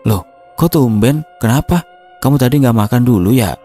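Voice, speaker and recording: A sweet, gentle schoolgirl, as a male storyteller puts her on, talking softly and with care. The voice sits noticeably higher than his own, with a mellow tone. Faint music runs underneath. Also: lively intonation, moderate pace, close to an everyday voice. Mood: concerned.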